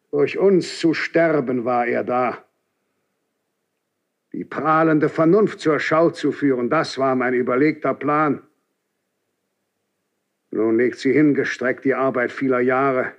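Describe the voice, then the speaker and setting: In a classical German radio drama, an older male actor with a medium-pitched voice plays an aged, unyielding Grand Inquisitor, speaking in a severe, measured, declamatory and reproachful manner. The recording has the dull sound of a 1970s radio production.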